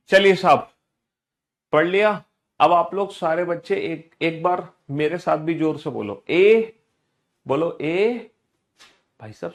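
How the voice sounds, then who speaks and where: A man teaching a live online class, repeating his instructions over and over and leading students in call-and-response drills. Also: on the high side. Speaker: online exam coaching teacher.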